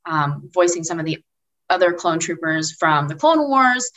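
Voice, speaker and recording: Low-voiced woman, full of fillers. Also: animated, moderate pace, fairly bright tone. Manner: filler-heavy, hesitant phrasing. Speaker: podcast guest. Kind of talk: casual chat.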